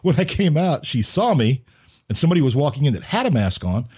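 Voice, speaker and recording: A middle-aged man hosting a casual podcast, his voice husky and breathy. His pitch swings widely as he tells stories. He acts out the people in his anecdotes. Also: big pitch swings, quick pace, a little mellow. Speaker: podcast host.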